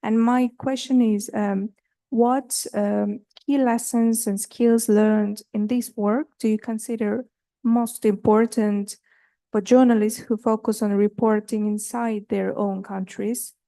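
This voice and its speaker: A woman's voice: medium pitch, steady tone, takes it slowly, dark tone, no echo. A woman, a student, asking a long formal question carefully, with fillers.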